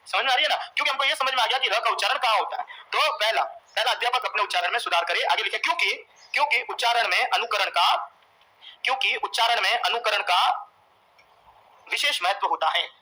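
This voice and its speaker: Very high, bright-voiced male teacher. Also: a little hiss or hum, poor audio. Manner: repeats points for dictation and quizzes the class. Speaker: exam coaching teacher. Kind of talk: classroom lecture, dictating notes.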